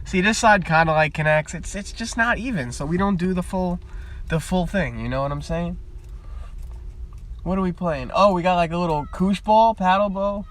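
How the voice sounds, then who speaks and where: A man's voice: sits high, moderate pace, a bit bright. Chatty young man rambling from his car. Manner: rambling, chatty, easily sidetracked. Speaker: live streamer. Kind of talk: casual live-stream chat. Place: parked car at the beach.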